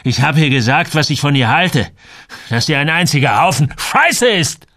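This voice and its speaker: A man's voice: fairly low pitch, sing-song, takes it slowly, no room sound, studio quality, full character voice. A man reading the part of a stubborn, bitter middle-aged father who speaks bluntly and curtly. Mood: furious. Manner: blunt and curt.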